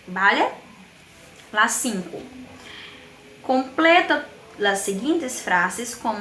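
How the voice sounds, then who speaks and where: A Brazilian woman with a Brazilian accent reviews Spanish exercises in a patient, explanatory way. Her voice is bright and a touch high. The room around her is echoey, with faint noise behind her. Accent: Brazilian Portuguese. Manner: patient, explanatory, frequent checks with "tá?". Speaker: Spanish teacher.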